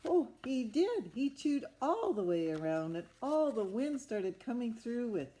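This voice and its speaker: A woman improvises a story from a picture book as a storybook narrator, speaking expressively and full of wonder, as though to young children. Her voice is on the high side, sing-song and mellow, and she takes her time, though the audio quality is poor.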